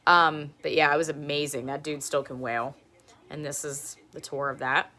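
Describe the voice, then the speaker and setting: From her home, a thirties-aged woman runs a casual live-stream show and tell, rambling, laughing a lot, and speaking low. Her pitch barely moves, her pace is moderate, and her tone is sharp.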